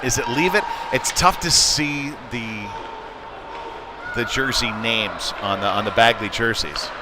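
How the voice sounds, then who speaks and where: Over a loud crowd and clattering noise in an indoor youth hockey arena, a play-by-play commentator calls the game. His mid-range voice is unhurried, and he keeps things conversational and folksy, dropping casual asides between the action.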